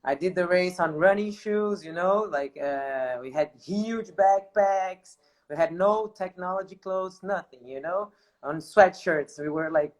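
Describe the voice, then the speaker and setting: A woman's voice: on the low side, measured pace, darkish tone. A middle-aged Brazilian woman, a native Portuguese speaker with a Brazilian accent, telling personal stories casually in a video-call interview. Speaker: adventure racer being interviewed.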